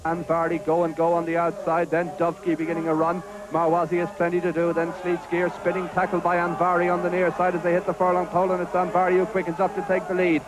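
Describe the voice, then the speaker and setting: A man's voice: high-pitched, monotone, quick pace, hardly any pauses. A man who is a race caller, commentating live on a horse race.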